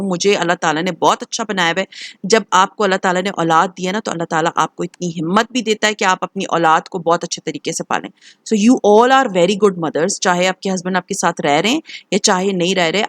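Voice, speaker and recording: A woman's voice: fairly low pitch, fairly bright tone, no room sound, clean studio sound. A middle-aged woman from Pakistan with a Pakistani Urdu accent, talking in a casual advice vlog, earnest and encouraging, dropping English phrases into her Urdu. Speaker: lifestyle vlogger. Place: home.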